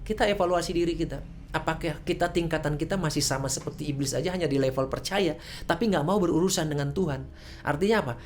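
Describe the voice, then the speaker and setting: Low-voiced woman preaching a sermon. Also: a little mellow, a little hiss or hum. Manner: casual, conversational preaching with rhetorical questions. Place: church service.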